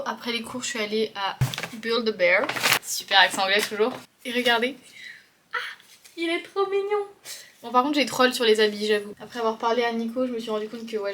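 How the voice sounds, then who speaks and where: Brief: young woman, 20, casual vlogger, slightly high voice, rambling and filler-heavy, faint background hiss. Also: fairly bright tone. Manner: chatty, rambling, many fillers like genre and euh. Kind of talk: casual vlog chat to camera. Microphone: handheld compact camera mic.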